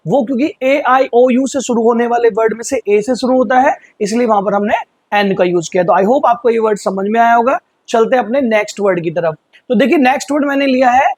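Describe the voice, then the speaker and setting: A man teaching English vocabulary in Hindi, explaining patiently and slowly repeating words for pronunciation. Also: very high voice, dry recording. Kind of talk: vocabulary lesson.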